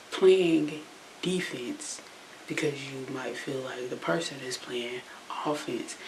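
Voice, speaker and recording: A reaction channel host giving casual, chatty commentary with slang and fillers. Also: medium pitch. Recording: hissy recording.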